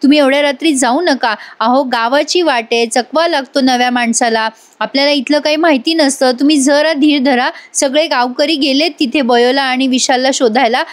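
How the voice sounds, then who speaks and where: A woman doing a calm older village man, steady and soothing, reassuring the others; the reader keeps her own high voice in this retelling of a TV serial. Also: moderate pace, few pauses, close to an everyday voice.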